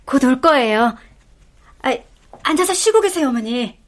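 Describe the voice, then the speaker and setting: A woman's voice: sits high, expressive, moderate pace. An actress playing a worried middle-aged daughter pleading with her mother to recognize her. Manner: pleading, upset. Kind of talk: TV or radio drama acting.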